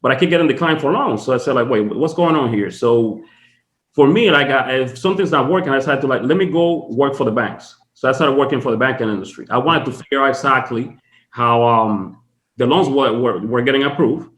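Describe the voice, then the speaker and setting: Male guest from the Dominican Republic, quick and chatty, roomy call audio. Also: mid-range voice, fairly bright tone. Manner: fast, chatty storytelling with many fillers. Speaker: guest, tax strategist. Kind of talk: casual podcast interview. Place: home office.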